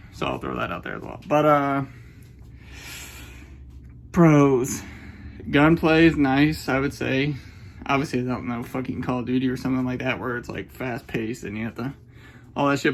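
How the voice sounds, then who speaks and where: In a casual game review, a man in his twenties wanders off topic, swears a lot, and apologizes when his thoughts slip away. A little hiss or hum sits under his mid-range voice.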